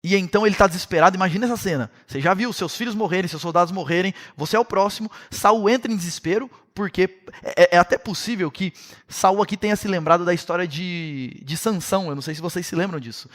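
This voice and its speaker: With a Brazilian Portuguese accent, a man teaches a Bible study series, vividly retelling the story in an animated way and speaking directly to his listeners. His voice sits high and his pace is quick.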